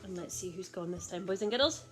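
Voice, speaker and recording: A woman's voice: on the low side, brisk, faint music behind. A woman presenting a children's game like an overbright party host, encouraging and exaggeratedly enthusiastic. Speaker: children's holiday club host.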